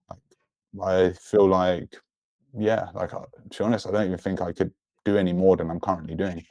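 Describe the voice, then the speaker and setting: A man's voice: low-pitched, a little mellow, no echo. A young man speaking as an interview guest in an earnest, introspective way about his own life. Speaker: podcast guest. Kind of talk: personal, reflective interview talk.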